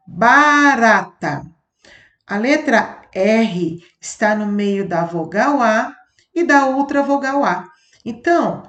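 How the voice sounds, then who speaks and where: A woman teaching a phonics lesson, stretching out each example word and spelling it out with careful enunciation. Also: on the high side. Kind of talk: slow classroom phonics lesson. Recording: echoey room.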